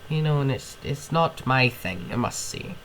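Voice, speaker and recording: A young man with a cold runs a solo podcast, rambling and ranting casually with sniffs and swear words. He sounds animated and fairly bright at medium pitch and normal speed, with a little hiss or hum.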